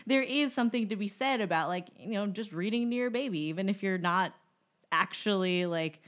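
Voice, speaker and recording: A woman's voice: mid-range voice, a little fast, a bit bright. A young adult woman co-hosting a podcast in casual chat, talking easily with lots of fillers. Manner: chatty, many fillers, laughs easily. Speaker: podcast co-host.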